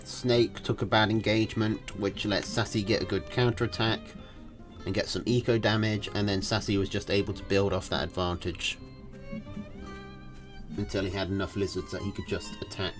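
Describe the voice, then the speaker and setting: A man's voice: fairly low pitch, wildly swooping pitch, normal speed, over music. A man casting a live strategy game tournament, casual and analytical, thinking aloud with fillers. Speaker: tournament caster.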